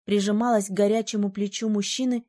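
A woman reads a novel aloud in the first person, with an expressive, lively delivery. Her voice is mellow and soft-edged. Her pitch sits in an ordinary middle range. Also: a little fast. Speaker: audiobook narrator. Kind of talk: scripted first-person narration.

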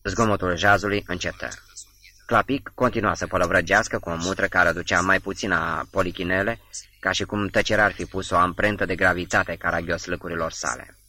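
A man narrating a novel as an audiobook, reading in a measured, literary manner. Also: low-pitched, steady tone, bright, forceful tone, no echo. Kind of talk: scripted narration.

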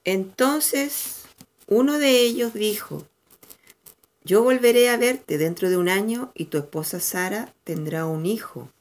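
A woman in a Bible class reading scripture passages aloud at a steady, plain pace. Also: medium pitch, measured pace.

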